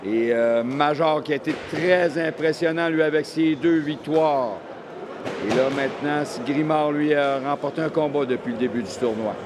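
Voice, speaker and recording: A man's voice: a little high, normal speed. A man with a Quebec accent giving colloquial live boxing commentary. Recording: noisy venue background.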